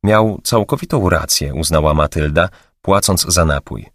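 A man narrates an audiobook with a very deep, low voice. His reading is steady and even. The sound is dry and close, with no room around it. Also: moderate pace, dry recording. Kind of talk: scripted narration.

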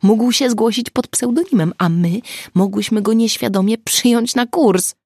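A woman reading the lines of a sharp, decisive female friend in an audiobook, in a brisk, assertive manner with a creaky voice. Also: fairly high pitch, no room sound, clean studio sound, voice pushed up. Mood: urgent.

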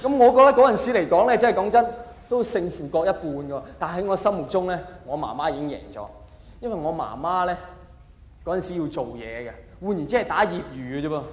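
The comedian is a man with a high-pitched, expressive voice who talks fast in a Hong Kong Cantonese accent. He performs a colloquial stand-up piece full of exaggeration and rhetorical questions, recorded in an echoey hall where faint background noise can be heard.

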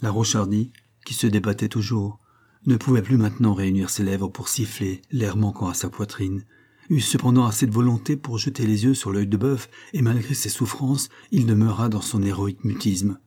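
A man reading an adventure novel aloud in a measured, dramatic storytelling manner. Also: lowish voice, warm tone, husky. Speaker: audiobook narrator. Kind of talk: scripted narration.

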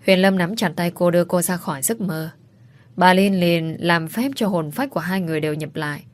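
A woman narrating a romance story aloud in a steady, emotive reading. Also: lowish voice, brisk. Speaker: audiobook narrator.

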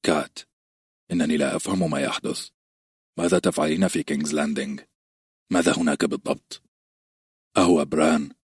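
A man voicing a stern, grave middle-aged nobleman in an audiobook reading, speaking low and weighty. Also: steady tone, fairly quick, pauses often, slightly rough, no echo, clean studio sound, exaggerated voice. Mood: troubled.

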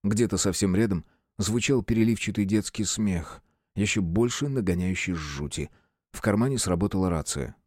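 A man narrating an audiobook with an expressive, dramatic reading. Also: on the low side, normal speed, dry recording, studio quality.

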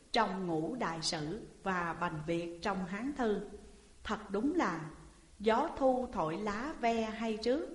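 A woman reading a classical tale aloud as a storyteller, voicing the characters' lines with shifting pitch and energy. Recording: echoey room with long reverb.

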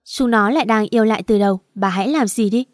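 A woman voicing an older, domineering mother who shouts her insistent refusals. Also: mid-range voice, fast, dry recording, studio quality, lightly acted. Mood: urgent.

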